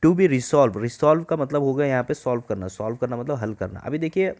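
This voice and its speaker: A man with an Indian accent teaching vocabulary from a newspaper editorial. He reads English phrases slowly word by word, spells words out letter by letter, and explains them in Hindi. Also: medium pitch, darkish tone. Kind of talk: exam-prep vocabulary lesson.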